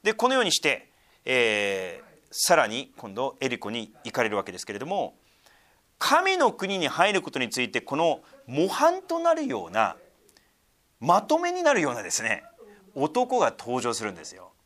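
Male pastor, conversational sermon delivery, animated pitch, relaxed explanatory tone. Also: moderate pace. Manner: conversational, explains scripture with asides and fillers.

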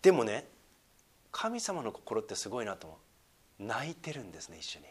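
A man preaching a sermon as pastor, talking conversationally with questions to his listeners and swinging from emphatic lines to hushed, near-whispered asides. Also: fairly low pitch, huge pitch swings, moderate pace, husky.

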